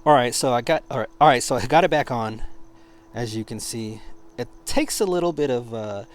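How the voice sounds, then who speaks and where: A man giving an informal hands-on product demonstration, speaking haltingly as he searches for words. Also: mid-range voice, a little hiss or hum. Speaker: product reviewer.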